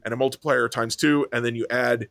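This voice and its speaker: A male podcast co-host talks in a loose, rambling way, full of ums and self-corrections. His voice sits at a medium pitch. The sound is dry and close, with no room echo. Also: steady tone, a little fast, a bit bright. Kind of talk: casual chat.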